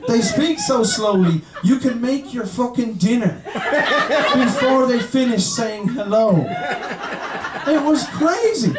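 Rowdy high-voiced Irish comedian. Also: male voice, lively intonation, slow, background noise. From Ireland. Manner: crude, rowdy, swearing often. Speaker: stand-up comedian. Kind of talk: stand-up comedy set. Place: comedy club stage. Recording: roomy live club, distant mic, crowd laughter. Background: laughing audience.

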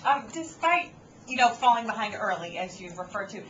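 A woman's voice: fairly high pitch, sing-song, a little fast. A woman, a reporter, asking a long question at a press conference, with fillers. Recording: muffled, far off, echoey, hissy.

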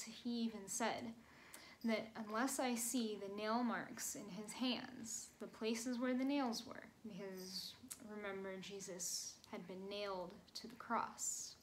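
A woman in her twenties giving a children's sermon from her bedroom, telling a story gently to kids with playful emphasis, recorded on a phone camera. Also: medium pitch, slight background noise, rough recording. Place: small bedroom at home.

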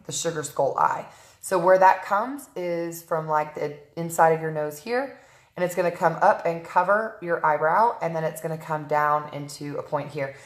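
Low-voiced woman chatting through a makeup livestream. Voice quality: chatty, frequent "um" fillers, greets viewers by name mid-sentence. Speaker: makeup artist livestreaming a tutorial. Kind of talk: casual live makeup tutorial, chatting with viewers. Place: at home in a room, early morning. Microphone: tablet camera on a stand. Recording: roomy echo.

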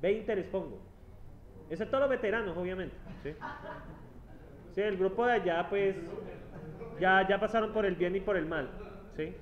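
Guy teaching a uni class, kinda high voice, jokey, keeps asking "right?", muffled lo-fi recording. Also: moderate pace, pauses often. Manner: chatty, teasing, asks "¿sí?" constantly. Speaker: university lecturer. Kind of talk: classroom lecture. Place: university classroom.

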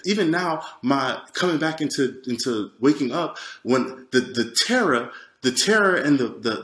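Earnest man giving a halting testimony. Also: fairly high pitch, a bit bright, roomy sound. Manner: earnest, halting retelling with many restarts and fillers. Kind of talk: personal testimony.

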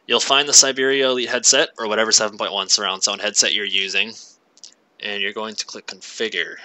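Young male gaming host, very bright and lowish voice, loose rambling delivery with "um"s, headset mic at his desk. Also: poor audio. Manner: relaxed, rambling, frequent fillers. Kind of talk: casual tech walkthrough.

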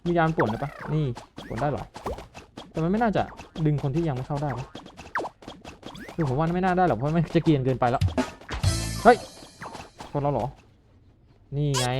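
A man giving excited commentary on a mobile party game, often calling out and exclaiming. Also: on the high side. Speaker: gaming YouTuber. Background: game music.

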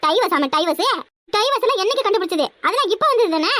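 A shrill cartoon busybody of a big sister, acted by a woman, scolding and fussing. Her voice sits extremely high and comes out sharp and bright. It is recorded dry and close, with no room around it. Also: animated, fast, no echo, full character voice. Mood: indignant. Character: scolding, nosy village elder sister, grown woman. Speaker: cartoon character. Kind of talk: cartoon voice acting.

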